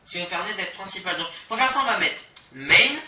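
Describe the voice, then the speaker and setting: Lively young man on a cheap echoey mic. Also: high-pitched, fairly quick, slight background noise. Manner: slangy, rambling, self-deprecating, many fillers. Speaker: coding tutorial host. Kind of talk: casual screen-recorded coding lesson. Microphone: cheap microphone. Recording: poor mic, echoey room, distant.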